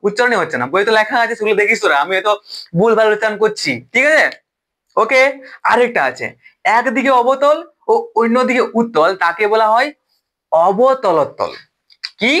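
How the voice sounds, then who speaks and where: A man's voice: sits high, pushed and bright. A man teaching a science class in a chatty, informal way, often checking whether the listener has understood and correcting himself over terms. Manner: chatty, keeps asking the listener questions. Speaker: science tutor.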